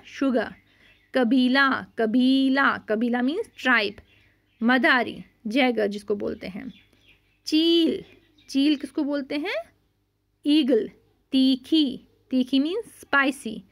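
A woman's voice: sits high, vocal fry. A woman teaching a vocabulary lesson, patiently repeating words and explaining each one with English glosses.

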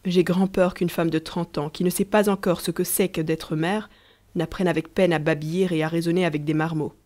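A woman voicing a gentle, sly young peasant woman who talks soothingly and patiently to a small child in a storybook. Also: fairly low pitch, fairly even intonation, brisk, natural voice. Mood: thoughtful.

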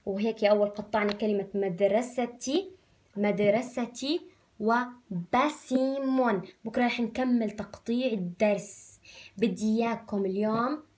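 A woman's voice: medium pitch, steady tone, a little mellow. A woman with a Levantine Arabic accent teaching first graders, drawing out syllables and asking coaxing questions. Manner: slow drawn-out syllable spelling, coaxing questions. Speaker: primary school Arabic teacher. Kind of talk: recorded remote lesson for first graders.

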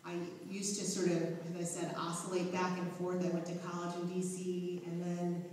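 Flat-voiced woman in an echoey hall. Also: lowish voice, moderate pace, recorded from a distance, slight background noise. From Chicago. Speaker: aldermanic candidate. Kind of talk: debate answer. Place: large hall with stage. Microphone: far phone camera.

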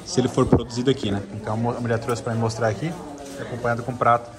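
A man from Santa Catarina, southern Brazil, talks very fast in a mid-range voice with little pitch movement. As a travel food vlogger, he casually chats while tasting food inside a restaurant, frequently repeating himself amid busy chatter.

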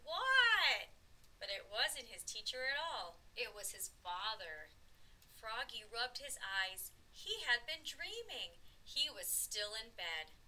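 A woman who teaches preschool, reading a picture book aloud with animated, slow storytelling. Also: on the high side, low-quality recording.

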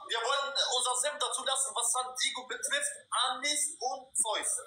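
A man's voice: very high-pitched, fairly even intonation, moderate pace. A young man hosting a livestream by phone, talking casual slang and repeating himself for emphasis. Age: young adult. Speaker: livestream host. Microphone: phone on a video call. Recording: roomy echo, faint noise.

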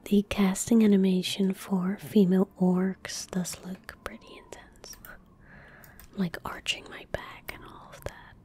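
Breathy and soft, a young woman streams ASMR game commentary in a whisper, pressed close to her desk mic in an indoor room. She speaks very slowly and gently, her mid-range voice mellow and level. Keyboard typing and mouse clicks run underneath.

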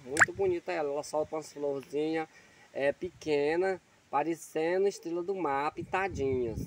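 A man hosting a casual plant tour vlog outdoors, filming on a phone and tagging nearly every phrase with a quick question. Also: a little high. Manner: chatty, repeats "né?" after almost every phrase. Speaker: channel host showing his plants. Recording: loud outdoor noise behind.

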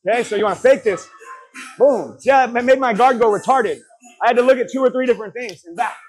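A man's voice: extremely high pitch, fast talker, soft background music. A man coaching a boxing class, blunt, profane and motivational, urging trainees on and quizzing them as he teaches drills. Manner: asks the group questions and answers them. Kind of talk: hands-on drill instruction to a class. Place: boxing gym during a group class.

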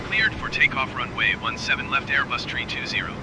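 A man's voice: mid-range voice, very animated, fairly quick. A man speaking as a pilot into a cockpit headset, giving clipped, formal radio calls. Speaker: pilot in a flight simulator. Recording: loud aircraft engine noise behind.

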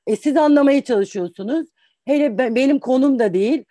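A woman's voice: high-pitched, a little fast, warm tone, dry recording, studio quality. A woman in her forties, an English teacher, giving patient, explanatory advice in an interview and restating points with examples. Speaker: English teacher and career guest.

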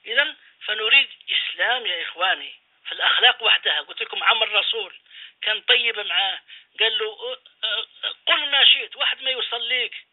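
An imam preaches a radio sermon over a phone-line call-in, urging his listeners on with repeated phrases and rhetorical questions. His voice is high-pitched and brisk.

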